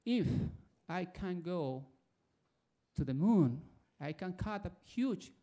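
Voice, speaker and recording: This prepared speech comes from the floor: a forties-aged Ecuadorian man with an Ecuadorian Spanish accent recounts a personal story and then asks his question. His voice is high-pitched and dark-toned, animated but delivered slowly.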